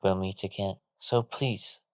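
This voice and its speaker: Sex: man. Figure: a man doing a loving father saying farewell in a storybook tale. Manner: hushed, voice cracking. Pitch: low. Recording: dry. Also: steady tone, measured pace, smooth, no room sound. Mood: heartbroken. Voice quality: cracking with emotion, whispered. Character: grieving, loving father on the run.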